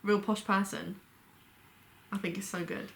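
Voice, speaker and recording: A woman's voice: medium pitch, little pitch movement, measured pace, vocal fry. Chatty British woman. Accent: British English. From Britain. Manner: chatty, rambling with many fillers and restarts. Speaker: reaction channel host. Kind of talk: casual chat.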